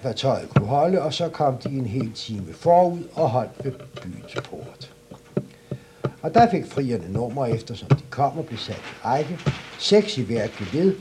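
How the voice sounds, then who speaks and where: Man reading a fairy tale out loud, lively up-and-down voice, mid pitch. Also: noisy background. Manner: expressive, animated storytelling. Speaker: storyteller.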